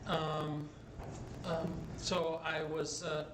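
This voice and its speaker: A middle-aged bishop, a native English speaker, gives a jovial conference talk with questions, mixing Spanish and English and asking "right?" often as he tells stories. His voice is a little high and level in tone, and he speaks extremely slowly. The recording has an echoey hall, a distant mic and background noise.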